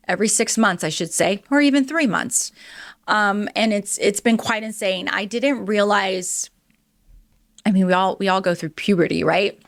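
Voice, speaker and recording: A woman's voice: mid-range voice, vocal fry, a bit bright, no echo, studio quality. A woman in her early forties hosting a solo podcast, reading news items aloud and reacting to them in a candid, chatty way. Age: 40s. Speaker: host.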